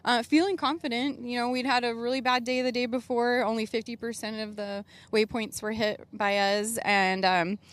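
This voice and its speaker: A woman rally driver telling her team's story in a relaxed way, laughing often, during a casual interview. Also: on the high side, moderate pace, few pauses.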